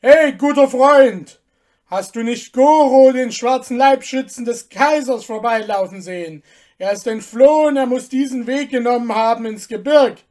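A woman's voice: mid-range voice, slow pace, pitched above the performer's own voice, natural voice. A woman reading an audiobook and voicing a brutal man, an army officer who barks threats. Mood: shouting. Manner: barking, threatening.

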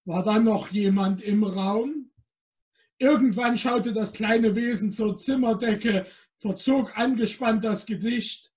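A man appearing as Santa Claus, reading a storybook aloud to children and talking to them directly. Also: high-pitched. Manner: addresses children directly, slow and gentle.

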